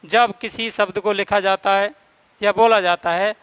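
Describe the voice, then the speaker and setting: Male teacher, high bright voice, dry close sound, step-by-step grammar explanation. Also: steady tone, measured pace, clear, resonant tone, no echo. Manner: explains step by step, repeats and stresses key points. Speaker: Hindi teacher. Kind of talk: classroom grammar lesson.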